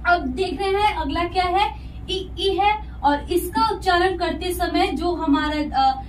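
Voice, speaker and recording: Very high-voiced woman teacher in an echoey room. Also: a little slow. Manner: explains patiently, asks rhetorical questions and answers them. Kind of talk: classroom lesson explaining step by step. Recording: echoey room, voice from a distance, faint noise.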